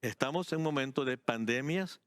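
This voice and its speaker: A man preaching a sermon as pastor, emphatic, repeating key phrases and moving between slow, deliberate words and quick bursts. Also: mid-range voice, a bit bright, no room sound, studio quality.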